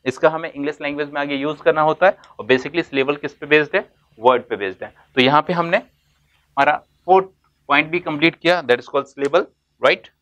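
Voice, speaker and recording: A man's voice: a little high, fairly bright tone, lo-fi sound. A man teaching basic English terms in a classroom-style lesson, mixing Hindi with English words and asking then answering his own questions. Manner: stretches out words slowly for emphasis.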